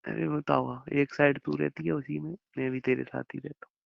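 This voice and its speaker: In an intimate phone conversation, a young man reassures his wife and rambles through affectionate explanations. His voice is rough and gravelly, fairly quick, with very little pitch movement. The sound is dull and muffled like a phone call, with no room sound.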